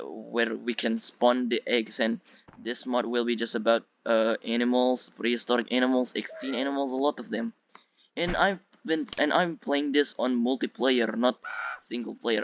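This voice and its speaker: Here the Russian-accented YouTuber from Russia reviews a game in loose, wandering commentary, saying things more than once. His mid-range voice has some brightness, and there's slight background noise along with music under a dull, lo-fi mic.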